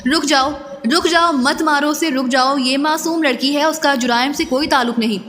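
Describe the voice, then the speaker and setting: A woman's voice: high voice, normal speed, fairly bright tone. A woman voicing a frightened middle-aged male crime boss who is a doting father and talks in a frantic, pleading way. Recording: long reverberant echo.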